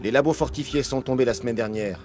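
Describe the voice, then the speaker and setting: In a video game, a male actor plays a weary, gruff guard captain, speaking bluntly, dryly and colloquially with a sardonic, tired mood. His natural voice is medium-pitched, fast and darkish in tone, with faint music in the background.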